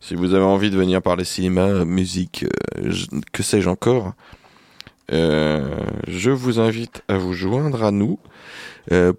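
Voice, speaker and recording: Low-voiced man hosting a radio show. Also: darkish tone, no room sound, studio quality. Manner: hesitant, many fillers and restarts. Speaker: radio host. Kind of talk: casual radio chat.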